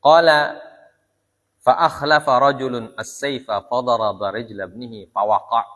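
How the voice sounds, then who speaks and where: Preacher in an echoey hall. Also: male voice, medium pitch, steady tone, fairly bright tone. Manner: reads Arabic text slowly, then retells in Indonesian with frequent "ya". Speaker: religious teacher. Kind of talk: Islamic study lecture. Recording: long hall reverb.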